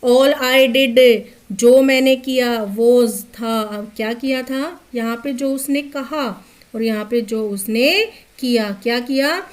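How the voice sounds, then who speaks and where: Slow, high-voiced teacher woman. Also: fairly even intonation. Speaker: English teacher. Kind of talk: bilingual poetry lesson.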